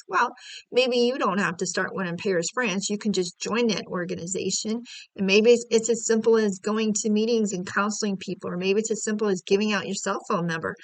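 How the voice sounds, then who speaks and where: A woman's voice: mid-range voice, a bit bright, no room sound, poor audio. A woman from the United States telling a family story in a casual, chatty way, acting out conversations with small laughs between phrases.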